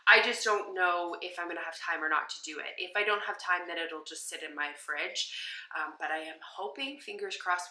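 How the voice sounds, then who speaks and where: A woman's voice: fairly low pitch, sharp tone, reverberant, poor audio. A woman chatting casually in her home kitchen, explaining her cooking plans step by step and laughing lightly now and then. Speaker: homesteading cooking vlogger. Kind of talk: casual kitchen vlog narration.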